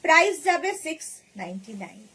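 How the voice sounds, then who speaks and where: A woman's voice: high voice, sing-song, moderate pace, fairly bright tone, rough recording. A woman hosting a casual live-selling stream, rattling off sizes and prices and joking about viewers' comments. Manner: chatty, rattles off sizes and prices, reads comments aloud with teasing jokes. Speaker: boutique live-sale host.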